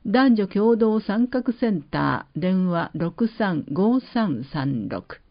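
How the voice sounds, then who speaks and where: A woman announcer reading public-service notices, with slow, measured, carefully enunciated list reading. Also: mid-range voice, sing-song. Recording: dull lo-fi recording.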